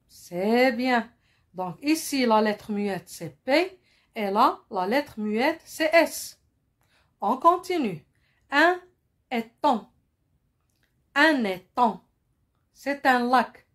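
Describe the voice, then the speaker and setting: A woman French teacher, drilling vocabulary slowly and asking pupils to repeat, sometimes explaining in Arabic. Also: a little high. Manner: switches into Moroccan Arabic to explain. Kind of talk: slow classroom-style lesson.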